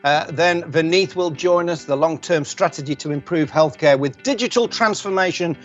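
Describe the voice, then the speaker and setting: A male host introduces the coming session in a brisk, upbeat manner. His voice sits fairly high, and the recording is dull and lo-fi, with faint music underneath. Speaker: event host. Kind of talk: introducing speakers.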